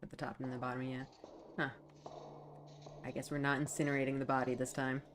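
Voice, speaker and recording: A woman's voice: very deep voice, level tone, a little fast. A woman game streamer chatting casually as she plays.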